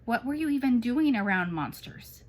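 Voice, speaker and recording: A woman's voice: on the high side, expressive, normal speed. A woman voicing a cautious young male possum in a read-aloud storybook, sounding earnest and fretful. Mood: concerned.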